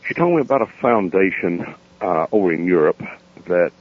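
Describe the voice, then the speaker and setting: A man with an Appalachian accent telling stories off the cuff as a radio interview guest, folksy, plain-spoken and unhurried. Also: low-pitched, expressive, husky. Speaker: interview guest, founder of a foundation. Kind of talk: unscripted storytelling in a radio interview. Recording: dull lo-fi radio interview sound.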